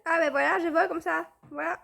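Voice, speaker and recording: A woman's voice: very high voice, fairly even intonation, a little fast, creaky, pushed and bright. A young woman, chatting casually over a game with fillers and restarts. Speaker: gaming video host. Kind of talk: casual gameplay commentary.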